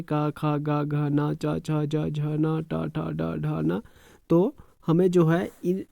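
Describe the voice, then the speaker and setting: Slow, measured male teacher, mellow voice. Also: fairly high pitch, gravelly, no room sound, studio quality. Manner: repeats phrases, frequent "thik hai" check-ins; sounds out letters slowly one by one. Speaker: school teacher. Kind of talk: classroom lesson explanation.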